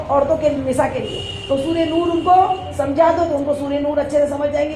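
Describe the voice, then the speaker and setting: High-voiced woman preaching in an echoey hall. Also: darkish tone. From India. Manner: asks the audience rhetorical questions and answers them; repeats phrases for emphasis. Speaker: Islamic religious teacher. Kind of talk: religious lecture to women. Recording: echoey room with faint background noise.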